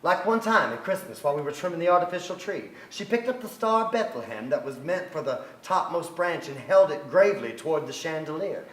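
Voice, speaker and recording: Speaking a little fast with hardly any pauses, a man with a fairly high, slightly bright voice and lively intonation plays a brooding, restless adult son remembering his family in a theatrical staged reading. It's a wistful performance before an audience, recorded on an echoey stage with some noise.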